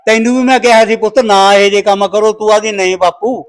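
A stern, wronged father in a village family drama, played by a man, scolding and moralizing with old sayings. His voice sits fairly high for a man. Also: steady tone, fairly quick, soft background music, close to an everyday voice. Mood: reproachful. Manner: scolding, preaching proverbs. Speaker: actor in a short film.

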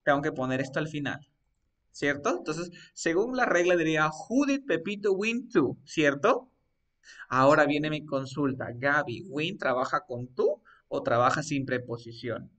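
A man's voice: a little high, animated, unhurried, a bit bright, recorded from a distance. A man teaching an English grammar lesson, coaxing his students step by step with repeated questions. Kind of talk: live online grammar lesson.

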